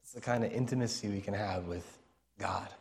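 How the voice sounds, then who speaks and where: This pastor's lowish voice is raspy and strained, forced louder as he delivers an informal sermon. He speaks earnestly, like a conversation, with pauses that break into his phrases.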